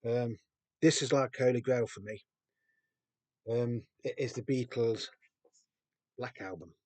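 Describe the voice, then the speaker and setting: A man's voice: medium pitch, a little slow, a little mellow, dry recording. A man, in his fifties or older, chatting casually about a record from his collection, with frequent ums and restarts. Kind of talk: casual show-and-tell.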